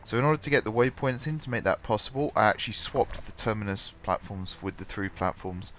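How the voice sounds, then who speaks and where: With faint music in the background, a gaming channel host comments casually on his game, stuffed up from a cold. His voice is on the low side and a bit bright, brisk in pace, and he rambles with many ums and restarts.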